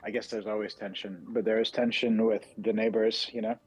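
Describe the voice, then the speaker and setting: Brisk and lowish-voiced, a man with a slight American accent hosts a livestream, chatting casually and telling relaxed, rambling stories from home. He uses a computer microphone, and the audio is poor.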